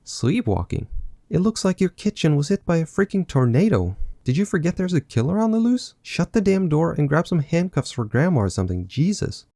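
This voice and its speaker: A man's voice: fairly high pitch, very animated, fairly quick, gravelly, mellow, no echo, clean studio sound. A man recapping a film with sarcastic, mocking asides. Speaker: film reviewer. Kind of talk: sarcastic movie recap commentary.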